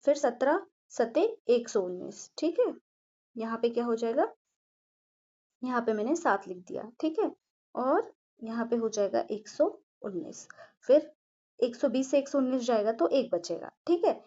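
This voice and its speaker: High-voiced woman teaching a patient maths lesson. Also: animated, moderate pace, warm tone, dull audio. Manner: patient, repeats "ठीक है" and asks herself questions.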